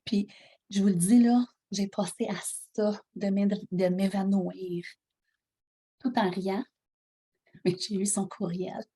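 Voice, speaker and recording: A woman's voice: mid-range voice, slow pace, pauses often, husky. A woman with a Québécois accent, ill with pneumonia, telling a story animatedly in casual talk and acting out the dialogue. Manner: animated, acts out dialogue, laughs while telling. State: ill with pneumonia, prone to coughing. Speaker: coaching call participant. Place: at home.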